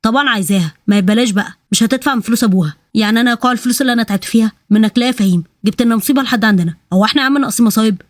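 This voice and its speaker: A woman's voice: a little high, very fast, hardly any pauses, dry recording, natural voice. A woman voicing a grumpy, stingy male thief who complains sarcastically in Egyptian Arabic. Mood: mocking.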